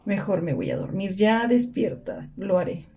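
A sleepy, heavy-lidded young woman, as a narrator acts her out, murmuring her inner monologue of exhaustion and self-blame. Her voice is low, warm and mellow, and it often sinks to a soft near-whisper. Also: measured pace. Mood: drowsy, heavy. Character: drowsy, self-blaming young woman gripped by depression.

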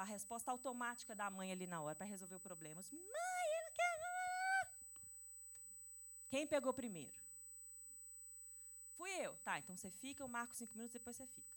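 A middle-aged woman with a Brazilian Portuguese accent, preaching a sermon and chatting directly with her congregation. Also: on the high side.

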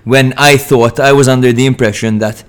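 A young man talking football on a podcast in a loose, animated way. He speaks frankly and lets a swear word slip now and then. His voice sits at an ordinary middle pitch for a man. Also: normal speed, clean tone. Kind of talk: casual football analysis chat.

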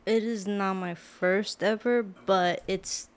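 A woman's voice: mid-range voice, steady tone, takes it slowly, clean tone. A young adult woman from Brooklyn, a podcast guest talking casually with many "like" fillers. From Brooklyn, New York. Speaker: guest, author and medical assistant. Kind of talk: casual interview. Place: podcast studio.

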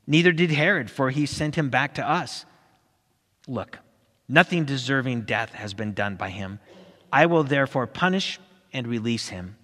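Brief: male reader voicing a measured Roman governor, reasoning and plain, long reverb around him. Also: medium pitch, expressive, a bit bright, lightly acted.

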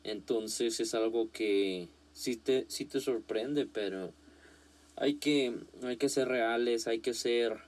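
A man's voice: medium pitch, slow pace, a little mellow. A man, a guest on a casual podcast, who talks hesitantly with many fillers and restarts.

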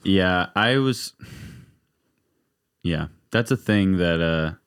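A man speaks in a relaxed, halting way and often stops to search for words. His voice is very low. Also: clean tone. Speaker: guest barber. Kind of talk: casual chat.

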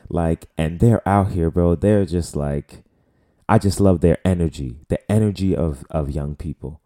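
Speaking a little slowly in a low-pitched voice with a dark tone, a New York–accented man hosts a casual solo podcast. He's in his late twenties, from the Bronx, and rambles loosely and profanely with many fillers.

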